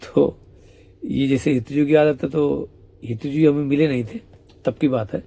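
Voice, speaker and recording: A man's voice: on the high side, fairly even intonation, a little slow, creaky, mellow. A man conversationally retelling a devotional story as a spiritual storyteller.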